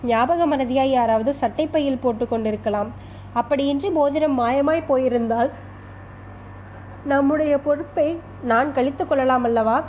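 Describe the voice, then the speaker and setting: A woman narrator gives voice to a shrewd retired police officer, older and unflappable. He lectures in an unhurried, measured way. The voice sits a little high and a faint hiss runs underneath. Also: darkish tone, lightly acted, rough recording. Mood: composed, chiding.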